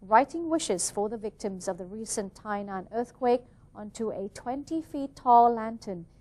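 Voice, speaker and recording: Woman, higher-pitched voice, TV news anchor, scripted bulletin reading. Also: expressive, a little slow, mellow.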